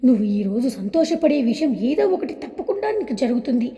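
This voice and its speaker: A caring, loyal young man, read by a woman narrator in an audio story. The lines come high and mellow with a concerned tone. A long hall reverb trails them. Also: very animated, brisk.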